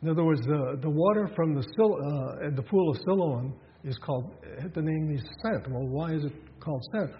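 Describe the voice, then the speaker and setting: A man's voice: fairly high pitch, moderate pace, hardly any pauses, long reverb tail, dull audio. A man preaching a sermon in a conversational way, with rhetorical questions and frequent restarts. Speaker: pastor.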